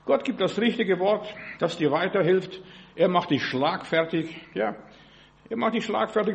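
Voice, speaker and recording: German-speaking male preacher, frequent "ja". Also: on the high side. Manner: repeats "ja" between phrases; addresses listener directly as "du". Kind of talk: sermon.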